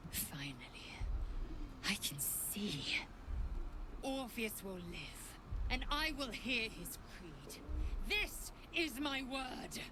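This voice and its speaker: An actress playing a proud, embittered female alien warrior in a video game, speaking formally and solemnly, often hushed. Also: fairly high pitch, background noise. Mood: defiant, wounded.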